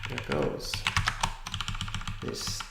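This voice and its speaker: A man teaching programming, thinking aloud and correcting himself as he types code in a live tutorial. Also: drawn-out words. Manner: thinks aloud while typing, self-correcting. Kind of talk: live-coding tutorial narration. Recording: echoey room with loud keyboard noise. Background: keyboard typing and clicks.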